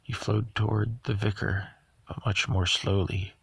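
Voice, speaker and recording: A man narrating a novel aloud at a steady pace, sometimes stumbling over a word and correcting himself. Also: fairly low pitch, unhurried, creaky, breathy edge. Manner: steady reading with occasional stumbles and self-corrections. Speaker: audiobook reader. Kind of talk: audiobook narration.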